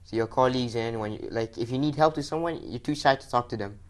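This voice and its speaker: A man's voice: mid-range voice, fast talker. A fourteen-year-old boy from Malaysia, a talk show guest who often repeats himself mid-sentence. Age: teen. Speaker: young guest.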